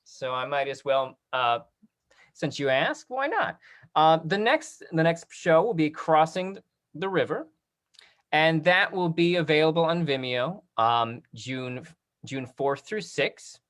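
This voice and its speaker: Hosting a casual online talkback, this speaker talks in a halting, conversational manner reminiscent of a drama teacher. The voice is mid-range, expressive and slightly bright.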